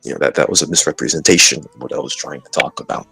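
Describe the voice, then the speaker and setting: Deep creaky man hosting. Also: rapid-fire, sharp tone, no room sound, soft background music, rough recording. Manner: joking, rambling, trash-talking. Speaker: podcast host. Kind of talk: podcast banter.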